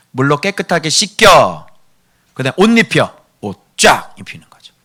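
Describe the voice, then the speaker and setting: A man's voice: fairly high pitch, bright, forceful tone. A man preaching a morning devotional sermon, asking the congregation questions and answering them himself, sometimes dropping to a whisper for emphasis. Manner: drops to a breathy whisper for emphasis. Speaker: pastor.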